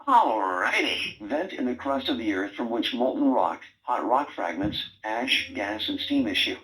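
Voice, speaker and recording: Sarcastic male robot-brain toy: wisecracking, bossy, with big pitch swings. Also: expressive, unhurried, fairly bright tone, rough recording. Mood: reciting facts. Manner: sarcastic, teasing, bossy quiz-style prompts. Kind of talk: toy voice lines.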